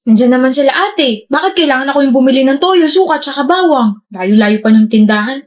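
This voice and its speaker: A woman performing scripted comedy-skit dialogue in a playful, excitable way, with sudden shouts. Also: high-pitched, a little fast.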